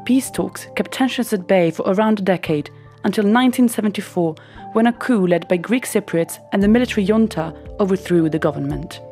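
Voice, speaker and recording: Female voice-over, mellow, even explanatory narration. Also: medium pitch, fairly quick, few pauses, soft background music. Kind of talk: scripted documentary narration.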